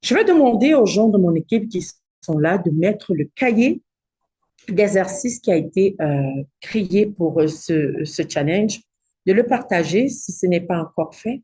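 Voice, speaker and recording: A woman's voice: on the low side, expressive, a little slow, dark tone, slightly rough. A woman coaching a live online workshop, direct and encouraging, asking her audience rhetorical questions. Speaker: cosmetics business coach hosting a live challenge.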